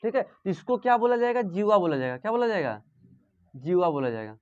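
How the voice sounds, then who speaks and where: High-voiced man teaching math in class. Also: animated, brisk, clean tone. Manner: asks students questions and repeats answers. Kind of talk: classroom lesson. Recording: dull lo-fi sound.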